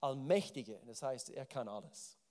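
A man's voice: mid-range voice, animated, measured pace, mellow. A man preaching a sermon. He speaks emphatically, often repeats words while searching for his phrasing, and puts questions directly to his listeners.

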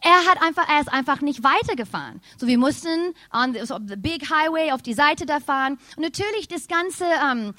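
Animated woman preaching, German. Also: sits high, dry recording. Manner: animated storytelling, addresses congregation directly. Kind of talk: sermon with personal story.

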